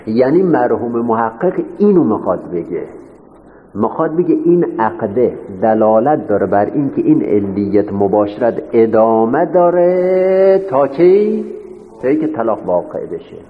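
Low-voiced man lecturing in an echoey hall. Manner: repetitive, asks students rhetorical questions. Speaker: seminary teacher. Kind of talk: classroom lecture. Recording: echoey hall, dull lo-fi sound with faint noise.

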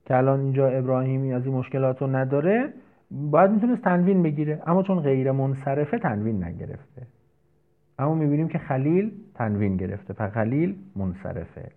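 A man giving a grammar lesson, working through examples step by step and throwing out questions he answers himself. His pitch rises and falls a lot as he talks. The sound is thin and tinny, like a phone line. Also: expressive. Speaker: Arabic grammar teacher.

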